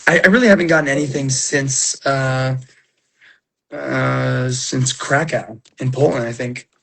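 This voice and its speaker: A man's voice: medium pitch, unhurried, vocal fry, fairly bright tone, slightly rough. A middle-aged man hosting a casual stream, telling rambling emotional stories full of fillers and restarts while he recovers from illness. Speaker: livestream host opening trading cards. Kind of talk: casual chat to viewers.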